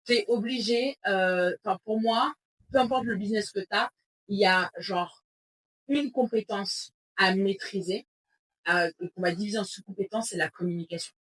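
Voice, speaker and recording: A woman with a husky, breathy voice talks business on a podcast. She speaks in a fiery, informal way, full of slang and quick bursts of frustration. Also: mid-range voice, fairly bright tone, poor audio. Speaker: podcast guest, business coach. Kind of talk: casual podcast conversation.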